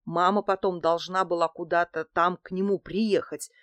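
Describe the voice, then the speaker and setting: Woman voicing a loud young male thug. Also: on the low side, fairly even intonation, normal speed, dry recording, lightly acted. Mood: defensive. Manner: loud, rough and quarrelsome. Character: young male thug, brash and foul-mouthed.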